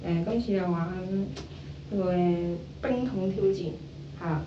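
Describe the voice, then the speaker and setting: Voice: mid-range voice, measured pace. A vlogger with a Hong Kong Cantonese accent, talking casually and hesitantly to viewers. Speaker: YouTuber host. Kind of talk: casual vlog, ice bucket challenge. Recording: muffled, echoey, noisy, distant mic.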